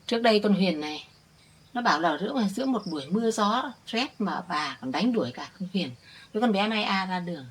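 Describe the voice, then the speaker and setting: A woman's voice: medium pitch, expressive, a little fast, slightly rough. A woman playing an insistent village woman. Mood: sympathetic. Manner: earnest, insistent storytelling. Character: older village woman defending her family. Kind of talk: village family drama acting.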